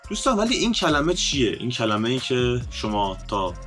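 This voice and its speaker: A man teaching an online lesson on an ancient script, explaining in a lively way, addressing viewers as friends and drawing out each letter sound. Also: mid-range voice, soft background music.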